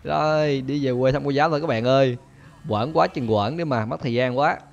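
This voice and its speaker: A young man, chatty and laughing as he hosts an excited let's-play commentary. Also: medium pitch, a little fast, vocal fry. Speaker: gaming channel host. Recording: dull lo-fi recording.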